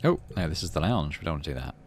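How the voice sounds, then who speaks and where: With a bass voice that swings widely in pitch, a gaming video host rattles off rapid-fire commentary, reading the game's story aloud and talking through his choices. Game music plays behind him, along with a little hiss or hum.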